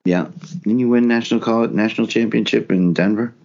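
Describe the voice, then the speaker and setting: A man's voice: fairly low pitch, steady tone, brisk, vocal fry, a little mellow, highs cut off. A man co-hosting a sports podcast, thinking aloud with restarts and emphatic repeats. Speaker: podcast co-host. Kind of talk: casual sports chat.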